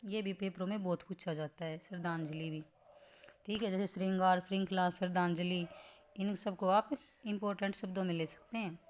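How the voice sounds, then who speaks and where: A woman's voice: fairly low pitch, steady tone, normal speed. Woman teacher going through spelling rules, keeps asking "what is it then" and answering it, patient. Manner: explains patiently with rhetorical questions and "theek hai". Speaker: Hindi grammar teacher. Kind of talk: spelling lesson for exam students.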